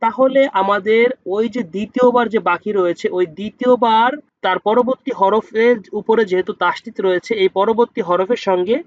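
A man with a high voice gives a patient spelling lesson in Quran reading. He breaks each word into letters and vowel marks, then draws out the full word slowly. The sound is close and dry, with dull, slightly lo-fi quality. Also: dry recording.

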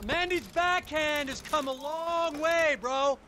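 An actor playing a laid-back young tennis coach in a video game, apologizing in easygoing bro talk. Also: male voice, very high-pitched, slow pace, bright, forceful tone, a little hiss or hum, full character voice. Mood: sheepish.

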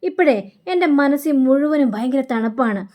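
A woman's voice: high-pitched, fairly quick, a little mellow, natural voice. A woman voicing a gloating, scheming young man from a TV serial in a smug way.

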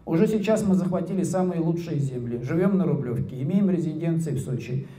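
A man's voice: a little high, lively intonation, fairly quick, mellow, close to an everyday voice. A man reading a satirical monologue aloud, voicing a smug cynical male official who addresses his colleagues in a mock-solemn speechmaking tone, into a handheld microphone. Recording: roomy hall with handheld mic.

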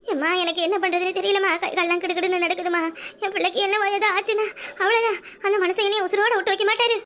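A woman's voice: extremely high pitch, fairly even intonation, quick pace, fairly bright tone. A woman voicing a frantic village mother searching for her missing son, wailing, with a Kanyakumari Tamil accent. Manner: wailing, fretful.

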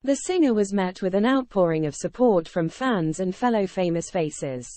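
A woman narrating a celebrity news story in an even, scripted read. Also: mid-range voice, moderate pace, no room sound.

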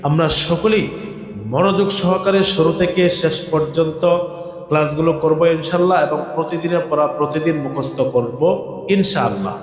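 A man teaches the Quran's letters one by one and asks listeners to repeat each letter after him, stretching some names into a chant. His voice sits a little high and rings with a long reverb, as in a large hall. Faint music plays underneath. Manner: calls out each letter and has viewers repeat; draws out sung letter names. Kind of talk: slow step-by-step recitation lesson.

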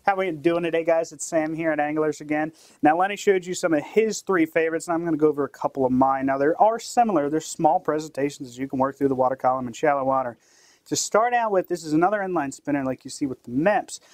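A man's voice: on the high side, fast talker, a little mellow, no echo. A young man from a tackle shop staff, giving a friendly, explanatory gear demonstration indoors.

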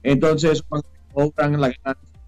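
A man, a lawyer guest on a radio call-in, explaining finances in a halting way while his phone call keeps cutting out. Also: fairly high pitch, little pitch movement, darkish tone, no echo, faint music behind. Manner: hesitant, halting, many restarts. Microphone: phone line.

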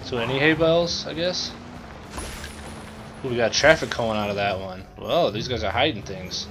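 A man's voice: mid-range voice, moderate pace, noisy background. A man giving laid-back, rambling casual commentary as he plays a video game. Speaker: let's play commentator. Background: game music and sounds.

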